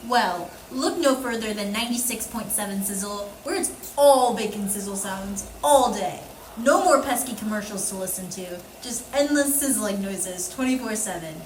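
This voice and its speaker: A woman's voice: mid-range voice, normal speed, roomy sound, a little hiss or hum, natural voice, rough recording. A woman playing a salesy commercial announcer, reading a scripted parody radio advert. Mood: salesy, upbeat.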